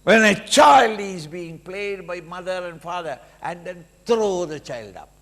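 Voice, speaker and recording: Indian guy doing a spiritual sermon, slow n dramatic, pitch swinging all over, big echoey hall. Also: lively intonation, fairly bright tone. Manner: emphatic, dramatic, with rhetorical questions and sudden swells. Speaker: spiritual teacher giving a scripture discourse. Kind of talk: animated sermon with acted-out examples. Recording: reverberant hall with long echo.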